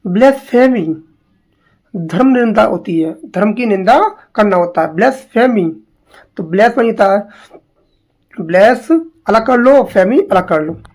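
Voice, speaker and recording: A woman teaching English spellings to exam students, repeating each word slowly and asking questions as she goes. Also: medium pitch, animated, darkish tone. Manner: slow, drilling, repeats words and asks questions.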